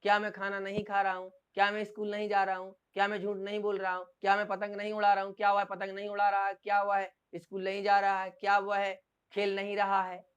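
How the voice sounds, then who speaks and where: Clear-voiced teacher drilling a class. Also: male voice, high-pitched, completely flat delivery, fast talker, fairly bright tone, dull audio. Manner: drills by asking and repeating questions. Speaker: English teacher. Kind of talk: classroom grammar lesson.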